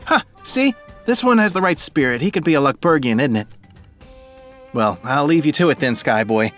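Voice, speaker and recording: A man's voice: a little high, animated, normal speed, a bit bright, faint music behind, pitched above the performer's own voice. A man voicing a friendly Scottish woman pub landlady, chatty and welcoming, while reading game dialogue aloud.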